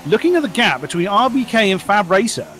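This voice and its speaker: A man's voice: sits high, sing-song, fast talker, a bit bright, faint music behind. A man commentating live on a car race as a motorsport commentator, exclaiming and reacting to the action on track.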